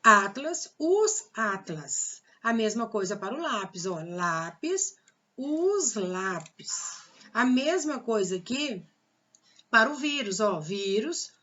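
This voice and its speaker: A woman's voice: medium pitch, pushed and bright, dull audio. A woman teaching a grammar lesson with a Brazilian Portuguese accent, patiently repeating the rules and asking rhetorical questions.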